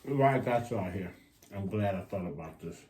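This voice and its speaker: A middle-aged man co-hosting a vlog, chatting casually in short, halting phrases and repeating points for emphasis. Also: low-pitched, lively intonation, warm tone. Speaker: vlog co-host. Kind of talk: casual chat at a meal. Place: indoor room at a table. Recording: echoey room, faint background noise.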